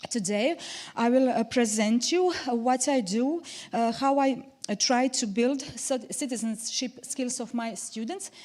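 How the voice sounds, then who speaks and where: A woman's voice: on the high side, unhurried, a little mellow. A woman from Croatia giving a conference presentation, hesitant, with many filler sounds. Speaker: presenter, social pedagogue.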